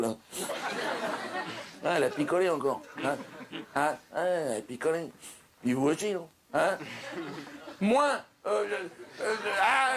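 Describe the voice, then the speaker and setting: A man's voice: on the high side, noisy background. A man playing an exasperated middle-aged doctor on a night call, chatty and impatient, talking over everyone in a one-man comic sketch.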